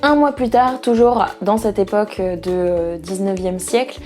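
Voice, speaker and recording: A young woman chats about books straight to her camera, playful and full of little asides. Her voice is warm and mellow, and faint music plays underneath. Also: medium pitch, fairly even intonation, measured pace. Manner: chatty, playful, frequent fillers and asides. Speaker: book vlogger. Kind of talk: casual book talk to camera. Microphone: camera mic.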